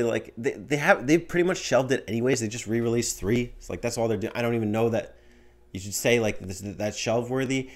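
Sitting in a small home room with a bookshelf and a window, a young man hosts his show and replies to viewer voicemail. He talks in a mid-range voice, animated and gesturing, rambling with plenty of fillers, into a stand-mounted studio mic in front of him.

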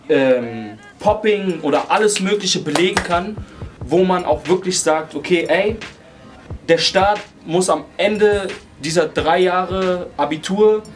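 A young man in his early twenties speaks in a slightly high voice, relaxed and unscripted, hunting for words and restarting his sentences. Music runs clearly beneath him as he talks indoors, seated. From Germany. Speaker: hip hop dancer. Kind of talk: casual interview talk. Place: indoors beside a wooden wall. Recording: music playing under the voice.

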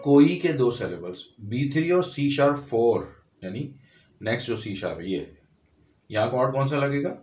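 A man's voice: medium pitch, animated, moderate pace, a little mellow, roomy sound. A man teaching a piano lesson, explaining step by step, counting and naming notes aloud. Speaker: music teacher. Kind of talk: piano tutorial.

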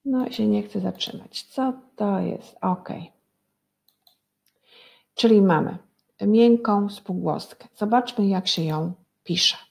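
Slow gravelly-voiced woman teacher. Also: mid-range voice, a little mellow. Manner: slow, spelling words out sound by sound; patient, guides the class to repeat after her. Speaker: primary school teacher. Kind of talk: recorded lesson for young children.

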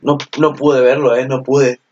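A man giving casual commentary on an anime preview. He gets excited, laughs often and swears freely. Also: mid-range voice, measured pace, dull audio, a little hiss or hum. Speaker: anime channel host.

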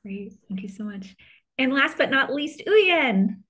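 A woman's voice: high-pitched, lively intonation, a little slow, a bit bright. Brief: female webinar host, upbeat and polished, over a video call. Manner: enthusiastic, polished, many "wonderful"s. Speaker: director of enrollment, webinar host.

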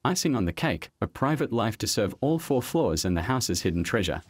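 A man reading a scripted documentary voice-over in a measured, even delivery. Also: lowish voice, dry recording. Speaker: documentary narrator. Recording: voice-over with music bed. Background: background music.

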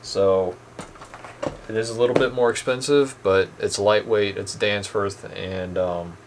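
Relaxed and plain-spoken, a young channel host demos two boat anchors at home, filling gaps with ums. He talks a little slowly in a lowish voice, with background noise in the dim room.

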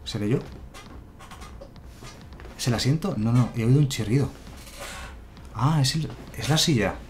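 A man's voice: medium pitch, measured pace, faint music behind. A man with a Spanish accent from Spain, casually commenting a game on a live stream and answering his chat. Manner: chatty, answers chat, muses aloud. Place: home room with a chair.

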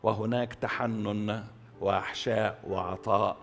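A male pastor with an Egyptian Arabic accent preaching a sermon, pushing key words loud, letting line endings fall soft, and repeating phrases for stress. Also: on the low side, steady tone, gravelly, faint music behind. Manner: emphatic, swings between loud stresses and soft drawn-out endings. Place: church hall.

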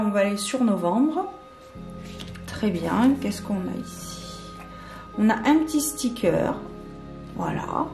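A warm-toned woman of medium pitch talks her way through unboxing a candle in a casual, hesitant way. She leans on lots of fillers and keeps restarting. Faint music plays in an echoey room.

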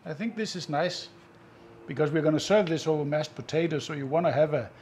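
High-voiced man hosting a cooking show. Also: brisk, a little hiss or hum. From Northern Europe. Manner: relaxed, explaining steps, chuckles often. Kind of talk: casual cooking demonstration.

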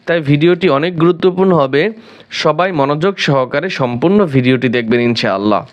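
A man teaching Quran letter sounds in a slow, deliberate spoken lesson, drilling each syllable and repeating it several times, with a Bangladeshi Bengali accent. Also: fairly high pitch, dull audio.

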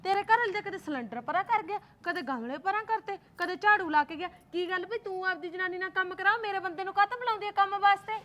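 A woman playing a blunt, hot-tempered neighbor who scolds and gossips with a sharp tongue. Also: very high-pitched, fast, hardly any pauses. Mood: scolding. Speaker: quarrelsome neighbor.

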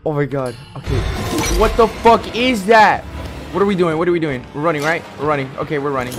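A young man playing a horror game, yelling out in terrified, high-pitched screams. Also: fast. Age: young adult. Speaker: gamer, host of a horror game playthrough. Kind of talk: frightened gameplay commentary. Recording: music behind the voice.

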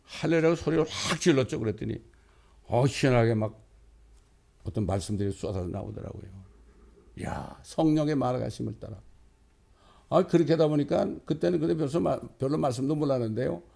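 Gravelly-voiced man preaching a sermon. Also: mid-range voice, expressive, fairly quick. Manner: storytelling preacher, bursts into loud quoted lines. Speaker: pastor.

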